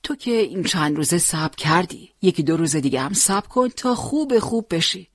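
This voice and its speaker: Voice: medium pitch, lively intonation, no echo. A storyteller voicing an old grandfather who volunteered for the front, earnest and stubborn, in a dry recording.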